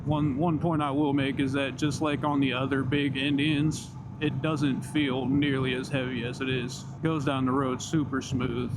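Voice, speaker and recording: A man talks casually as he rides a motorcycle, in a medium-pitched voice. His commentary is slangy and enthusiastic yet laid-back. Loud engine and riding noise runs heavily through the outdoor recording. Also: level tone, normal speed, hardly any pauses. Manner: talking while riding a motorcycle. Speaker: motorcycle vlogger.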